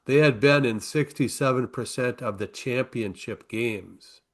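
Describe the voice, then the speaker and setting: A man's voice: mid-range voice, a little slow. A man chatting casually about sports as a commentator.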